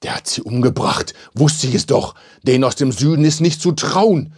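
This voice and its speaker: A man voicing a wiry, nosy village postman who blurts things out excitedly. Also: mid-range voice, takes it slowly, heavily acted. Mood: alarmed.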